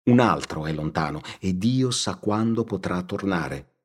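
A man voicing a humble, pious young village woman who speaks earnestly, gently and firmly in an audiobook reading. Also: low-pitched, expressive, unhurried.

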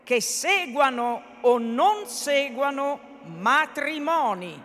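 A woman's voice: a little high, animated, fairly bright tone. A woman voicing a pompous, fussy old male lawyer in a theatrical reading of a novel, bustling and self-important. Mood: reading aloud. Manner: bustling, self-important, mutters quickly through legal text. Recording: echoey hall.

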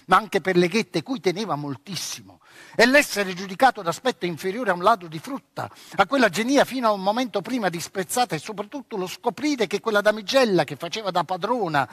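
A man narrating a novel in an expressive storytelling manner, close to the mic. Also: sits high, fairly quick, no room sound. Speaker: audiobook reader. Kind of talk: scripted literary narration.

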